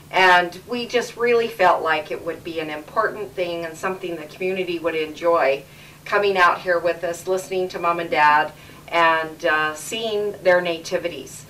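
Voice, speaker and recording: A woman's voice: on the low side, fairly bright tone, far from the mic, poor audio. A middle-aged woman from Canada hosting a casual home interview with her parents, chatty and repeating words for emphasis, recorded as old camcorder audio.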